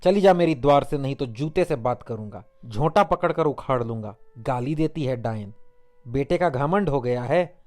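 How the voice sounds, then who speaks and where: An insolent young village man hurls coarse threats in a raised, hoarse-edged shout, as a male narrator puts him on. His voice stays close to the reader's own, in a storybook reading. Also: mid-range voice, animated, normal speed, close to an everyday voice. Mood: raging.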